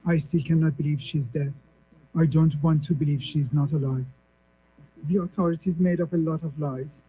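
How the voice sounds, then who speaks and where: Live interpreter voice, very dark man. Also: a little high, steady tone, moderate pace, slight background noise, low-quality recording. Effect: live interpreter voice speaking in the first person for a grieving father. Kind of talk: interpreted news clip.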